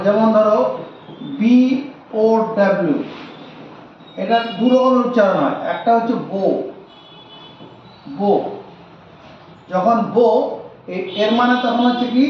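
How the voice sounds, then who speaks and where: A man teaching a lesson, spelling words out letter by letter and repeating them slowly. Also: high voice, slight background noise. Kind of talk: slow spoken lesson. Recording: echoey room, distant, dull lo-fi mic.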